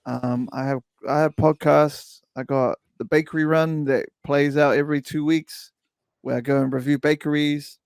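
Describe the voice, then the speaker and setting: A man's voice: fairly high pitch, little pitch movement, moderate pace, vocal fry, clear, resonant tone, no echo, clean studio sound. A young man with a New Zealand accent, chatting casually as a podcast guest, slangy and full of restarts. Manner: laid-back slangy, lots of restarts and fillers. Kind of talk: casual chat.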